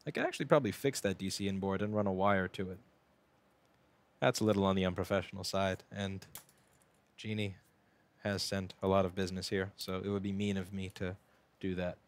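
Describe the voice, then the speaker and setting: Repair shop owner, low and gravelly, chatty live commentary to viewers. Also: male voice, steady tone, fairly quick. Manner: casual, chatty, talks to chat while working.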